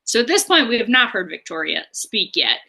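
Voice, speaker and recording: A woman's voice: a little high, very animated, brisk, creaky, bright, forceful tone, breathy edge. A woman co-hosting a book podcast, recapping chapters in a chatty way with frequent fillers. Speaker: podcast co-host. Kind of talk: casual book discussion.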